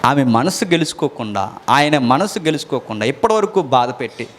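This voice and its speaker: A man preaching a sermon to a live congregation in an animated way, firing off rhetorical questions with big swings in pitch. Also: fairly quick. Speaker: pastor.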